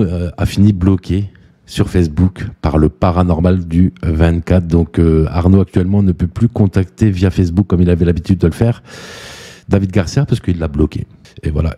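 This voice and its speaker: A man's voice: low voice, mellow. A man hosting an exposé, reading the chat aloud and accusing someone. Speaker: host of an exposé video. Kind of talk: commentary.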